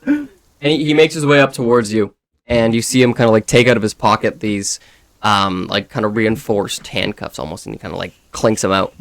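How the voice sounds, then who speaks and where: A man's voice: lowish voice, fairly even intonation, fairly quick, reverberant. A man improvising narration and calling for rolls as the game master of a tabletop fantasy game.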